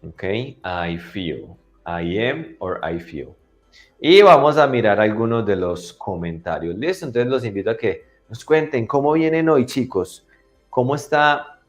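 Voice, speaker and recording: A man teaching English to children in an online class, often checking they follow and drilling pronunciation slowly. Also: mid-range voice. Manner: teacherly, asks for agreement after each point.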